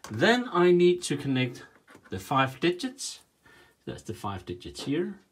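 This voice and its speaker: In his workshop, a man sketches on a whiteboard while explaining how he wired the panels of his home-built cockpit, counting the wires aloud with pauses. His voice sits on the high side, slightly rough, with wildly swooping pitch, in a casual hands-on tutorial.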